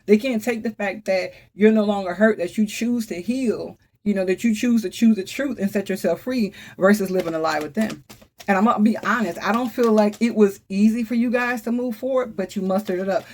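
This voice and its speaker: A woman's voice: medium pitch, fairly quick, a little mellow. Woman doing a chatty tarot reading, emphatic, keeps saying wow, talks right to her viewers. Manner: talks straight to viewers, calls on the Holy Spirit. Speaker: tarot reader. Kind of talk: casual spoken tarot reading.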